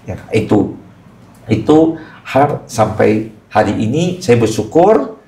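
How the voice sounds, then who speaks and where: Gravelly middle-aged man giving testimony. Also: on the low side, sing-song, slow pace, mellow. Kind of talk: casual testimony in podcast. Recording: echoey room.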